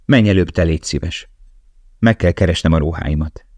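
A man voicing a tender, haunted young woman prisoner in an audiobook, reading her lines softly with a slightly raised voice. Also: low-pitched, no echo. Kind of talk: audiobook dialogue.

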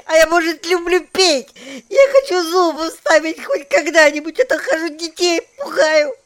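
A man voicing a toothless, soft-hearted male gnome henchman in a storybook, whiny and sing-song. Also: very high voice, slow, voice pushed up, exaggerated voice. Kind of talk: storybook narration with voices.

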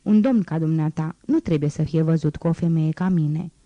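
A woman's voice: deep voice, warm tone, no room sound, dull audio, natural voice. A woman reading an audiobook, voicing a teasing, wistful poor young street girl in a lightly raised voice.

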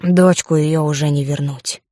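A woman's voice: low voice, steady tone, measured pace, no echo, studio quality. A woman voicing a kind, plain-spoken old female cook who fusses over the girl. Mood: sorrowful. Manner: homely, fussing, soft-hearted.

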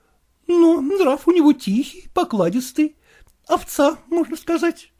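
Guy doing a gossipy old auntie, high eager gushing voice. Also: lively intonation, unhurried, warm tone. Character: fussy older aunt, meddling and gossipy.

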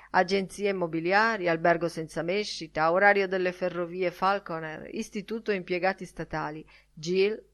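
A woman narrating a literary audiobook in a measured, even storytelling manner. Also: on the low side.

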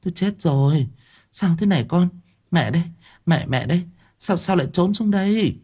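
A man's voice: high-pitched, lively intonation, moderate pace, mellow, slightly rough, pitched above the performer's own voice. A man voicing a distraught young village mother who frets over her child. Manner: fretful, raised voice.

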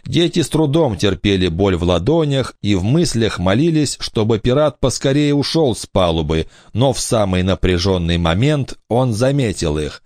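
Expressive male storybook narrator. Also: lowish voice, moderate pace, few pauses, no echo, studio quality. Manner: expressive, theatrical. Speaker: audiobook narrator.

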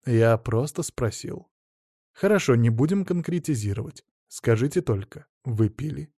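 A man's voice: medium pitch, lively intonation, moderate pace, warm tone, slightly rough, no room sound. Man reading a dry ironic detective. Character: calm ironic male police detective. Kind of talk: audiobook character voice.

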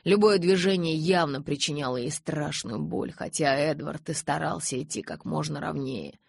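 Low-voiced woman reading an audiobook. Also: moderate pace, vocal fry, husky, dry recording, clean studio sound. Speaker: audiobook reader. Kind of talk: first-person audiobook narration.

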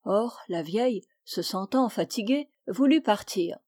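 A woman reading a classic short story aloud, measured and expressive. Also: mid-range voice. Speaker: reader.

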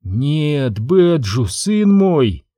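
A man's voice: a little high, extremely slow, no echo, clean studio sound, full character voice. Man reading a frail, sorrowful queen. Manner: quiet, calm, pleading. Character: frail sick queen mother, calm and sorrowful.

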